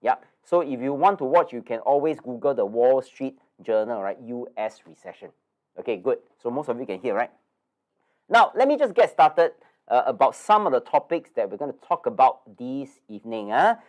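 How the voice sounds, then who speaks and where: A man's voice: medium pitch, sing-song, moderate pace. A man hosts a live investing webinar, chatty and nasal, full of fillers and tag questions. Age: 50s. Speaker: investing course host.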